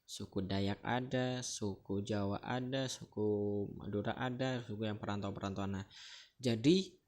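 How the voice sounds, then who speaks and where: A man's voice: lowish voice, steady tone, measured pace, darkish tone. A man from Central Kalimantan, Indonesia, teaching a lesson in a casual, chatty way and often checking in with the listener. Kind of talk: casual explanatory lecture.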